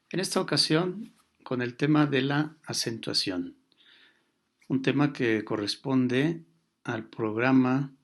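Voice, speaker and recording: A man teaching a grammar lesson, explaining patiently with pauses and fillers. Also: medium pitch.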